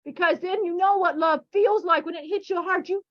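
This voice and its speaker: A woman giving an impassioned, emotional spiritual teaching over a video call, her audio cutting out and glitching as she gets louder. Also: very high voice, steady tone, fairly quick, muffled recording. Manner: emotional, repeats herself. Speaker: spiritual teacher channeling a deity.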